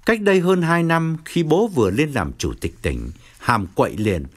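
A man narrating an audiobook story with expressive storytelling. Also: fairly high pitch, moderate pace. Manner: expressive, wide-ranging storytelling.

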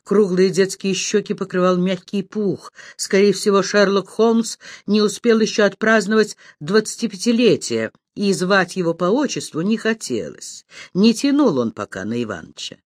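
A woman narrating a crime novel in the first person, expressive and animated. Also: medium pitch, moderate pace, dry recording, clean studio sound. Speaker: audiobook narrator.

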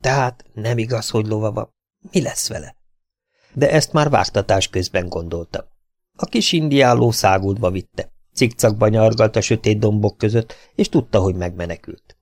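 A man reading an adventure novel aloud as an audiobook narrator, in a steady, even storytelling manner. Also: fairly low pitch, dry recording.

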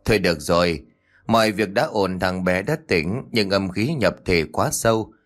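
A man playing an elderly exorcist master who speaks calmly and with authority. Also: low voice, moderate pace, soft background music.

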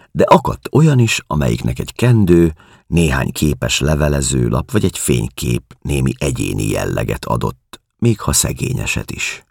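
A man narrates a novel in a very deep, gravelly voice with a husky edge. His pitch rises and falls freely. The recording is close and dry. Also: no room sound. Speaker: audiobook narrator. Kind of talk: scripted literary narration.

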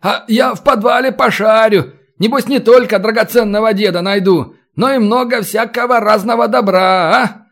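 In an audiobook, a man doing a boisterous brawler, loud and mocking, haggling over a prize. The voice sits high and moves with swaggering energy. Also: moderate pace. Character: boisterous bargaining male brawler, Belarusian.

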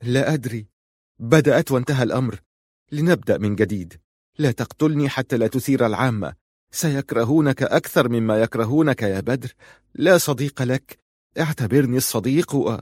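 A man reading the part of a trembling male captive who pleads in a rushed way for his life. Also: on the low side, dry recording, clean studio sound, lightly acted. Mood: pleading, frightened.

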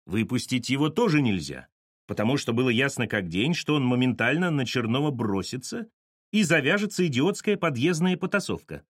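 A man narrating an audiobook in an expressive, animated manner. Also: mid-range voice, a little fast, no room sound, studio quality.

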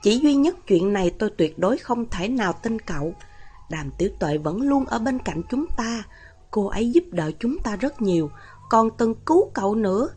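A woman's voice: fairly high pitch, sing-song, normal speed, darkish tone, slightly rough. A woman voicing an anxious young man in a storybook reading, pleading and agitated.

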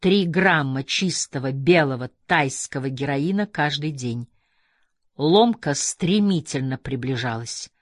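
An audiobook narrator giving a measured first-person reading, close to the mic. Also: mid-range voice, lively intonation, no room sound. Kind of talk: scripted narration.

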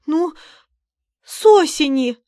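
A woman's voice: high-pitched, animated, slow, dark tone, no echo, studio quality, pitched above the performer's own voice. A woman voicing a frightened, tearful elderly woman who pleads and grows agitated. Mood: fearful. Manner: pleading, agitated, rising to shrieks.

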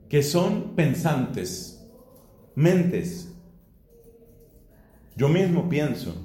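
A middle-aged man from Colombia, a priest, giving a philosophy lecture in a slow, deliberate way with rising emphasis. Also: mid-range voice, darkish tone. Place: classroom or hall. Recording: echoey room.

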